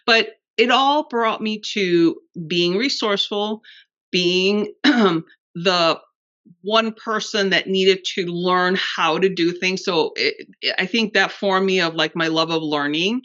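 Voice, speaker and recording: A woman's voice: fairly low pitch, pushed and bright, muffled recording. A woman in her fifties, a native Spanish speaker, hosting a podcast interview and telling her story earnestly. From United States and Mexico. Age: 50s. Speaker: podcast host. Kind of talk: conversational interview.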